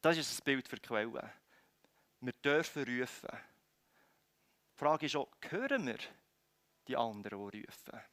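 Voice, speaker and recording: A man's voice: medium pitch, lively intonation, unhurried, long pauses, fairly bright tone, dry recording. A man preaching a sermon in a conversational way, acting out scenes with frequent restarts. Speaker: pastor.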